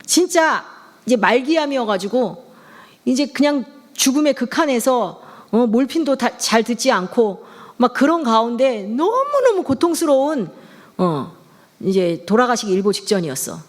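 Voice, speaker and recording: A woman's voice: fairly high pitch, big pitch swings, moderate pace. A middle-aged woman preaching a sermon in a conversational, storytelling way. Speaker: pastor's wife preaching.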